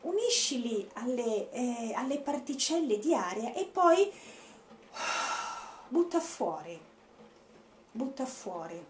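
A woman leading a guided breathing meditation as an instructor, speaking in a deliberate, instructive way with pauses. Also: fairly high pitch, sing-song. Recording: echoey room, faint background noise.

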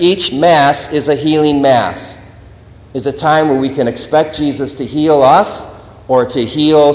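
An earnest priest preaches a homily, pressing his points home with steady emphasis. His voice rings through a large church with a long, roomy echo. The recording sounds dull and lo-fi. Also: mid-range voice. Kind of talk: sermon. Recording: echoey church hall, dull lo-fi.

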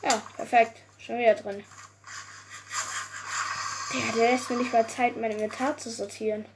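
Young woman doing excitable game commentary, swears a lot, higher voice, noisy home recording. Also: normal speed. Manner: excitable, swearing, exclaims and groans often. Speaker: gaming video creator. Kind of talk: casual gameplay commentary.

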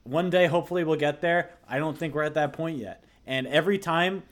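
A man co-hosting a casual politics podcast, arguing his side in a measured way. His voice sits a little high. He often concedes a point before laying out his own view. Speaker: podcast co-host.

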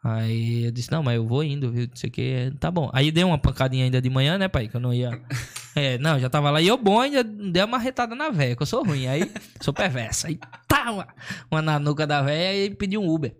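A man with a fairly high voice rattles through a comic story at a rapid clip. He is slangy and animated, slipping into the voices of the people he quotes. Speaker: comedian. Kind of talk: casual storytelling chat.

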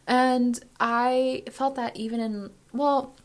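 A woman's voice: fairly high pitch, fairly even intonation, takes it slowly. Rambling young woman thinking aloud. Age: early 20s. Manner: candid and reflective. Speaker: vlogger. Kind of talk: casual confessional chat.

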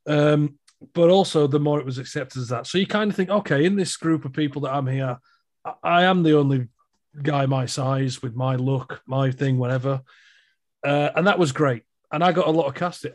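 A man with a Northern English accent, an actor talking casually about auditions, chatty and animated in his storytelling. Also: mid-range voice. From Northern England. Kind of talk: casual chat.

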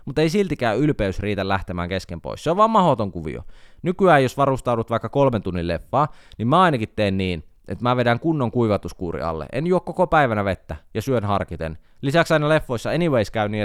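A man's voice: fairly low pitch, clean tone, no room sound, clean studio sound. A man hosting a podcast, telling a self-mocking comic story in a casual monologue. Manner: wry, self-mocking storytelling with animated outbursts. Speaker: podcast host.

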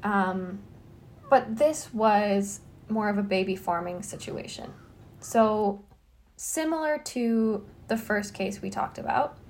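A young woman hosts a podcast and walks listeners through a grim case in a relaxed, chatty manner, leaning on fillers as she talks. Her voice sits at a middle pitch. A faint hiss runs under it. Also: takes it slowly. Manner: conversational storytelling, frequent "like" fillers. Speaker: podcast host. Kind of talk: casual true-crime chat.

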